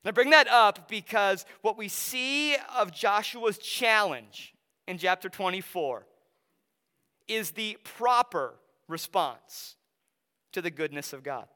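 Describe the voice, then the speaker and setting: Bright, clear man preaching in a hall. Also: sits high. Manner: conversational, slowing down to stress key phrases. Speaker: pastor. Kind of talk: sermon with Bible reading and personal story. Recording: long reverb of a large hall.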